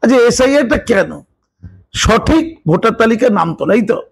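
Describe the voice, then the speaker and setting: Very high-pitched husky man, sarcastic. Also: lively intonation, normal speed. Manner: emphatic, sarcastic, repeats points. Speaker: interviewee, political commentator. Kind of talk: heated political interview talk.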